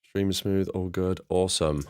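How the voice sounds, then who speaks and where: Deep-voiced man with dry sarcasm. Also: fairly even intonation, a little slow, loud music behind the voice. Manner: dry sarcastic, laid-back, chats to viewers while working. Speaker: music producer streaming live. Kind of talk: casual live-stream chat with sarcastic asides.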